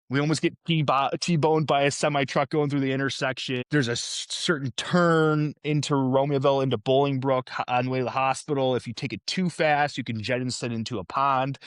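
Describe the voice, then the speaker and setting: A man's voice: mid-range voice, no echo. A young man, a former police officer telling a vivid, profane story in a podcast interview.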